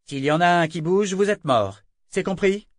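A man's voice: sits high, animated, moderate pace, no room sound, pitched above the performer's own voice. A man voicing a stern, commanding woman. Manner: firm, commanding. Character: stern, wary woman leading her household. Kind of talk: audiobook character voice.

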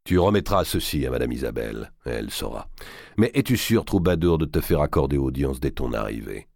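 A boisterous giant nobleman, as a man reads him, swinging between a low growl and loud, high outbursts. The reading is dry and close to the mic. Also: sing-song, brisk, creaky, dry recording, exaggerated voice. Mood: commanding. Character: huge, boisterous exiled nobleman, big and bold.

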